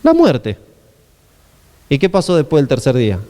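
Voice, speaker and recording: A man with an Argentine accent preaching a sermon in a chatty, questioning way. His voice sits high and swings widely in pitch. He sounds smooth and resonant, with a long reverb of a church hall behind him. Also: huge pitch swings, normal speed, mellow. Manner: conversational preaching with frequent rhetorical questions. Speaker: pastor.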